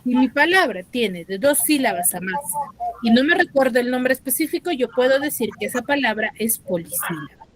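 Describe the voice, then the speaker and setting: A woman with a slightly high, expressive voice and a Peruvian Spanish accent teaches an online school class, recorded on a dry close mic. She explains patiently, slows down on key terms, and uses tag questions to check that students are following.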